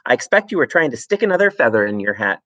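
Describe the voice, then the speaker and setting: A man voicing a sharp-tongued, scolding middle-aged mother in a raised voice. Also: medium pitch, very animated, fast, no room sound, dull audio. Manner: scolding, prim.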